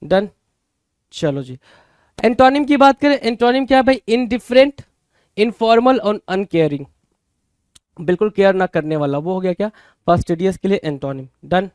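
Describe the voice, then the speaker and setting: A man with a high, smooth voice teaches English vocabulary for exams, mixing Hindi and English. He repeats each word and keeps asking his students rhetorical questions. The sound is dry and close. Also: expressive, normal speed, long pauses, darkish tone, dry recording. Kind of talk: Hindi-English exam prep lecture.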